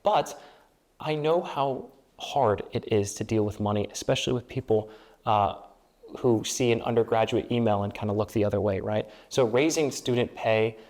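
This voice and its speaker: Speaking at a moderate pace with a darkish tone, a young man who grew up in Peru and the Dominican Republic, and whose first language is Spanish, pitches his student government candidacy in an interview. His delivery is speechlike, with repeated phrases arranged into rhetorical lists.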